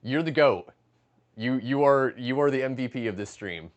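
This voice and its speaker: Cooking at home and ducking outside now and then to smoke, a late-twenties man banters profanely with his livestream viewers, cracking jokes and reading their messages out loud. His mid-range voice moves at a normal speed over slight background noise.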